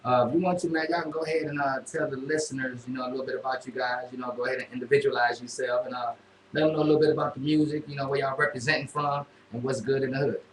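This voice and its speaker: A man hosting a casual interview on an internet radio show, talking in a relaxed, drawling way with many fillers. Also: medium pitch, very fast. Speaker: radio host. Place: radio studio room. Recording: echoey room, faint noise.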